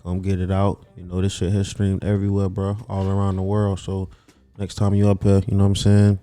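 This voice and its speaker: A man hosting a casual radio interview, relaxed and full of slangy banter. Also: low voice, a little fast, clean tone, faint music behind. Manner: laid-back slangy banter, lots of "word" and "bro". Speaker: radio show host.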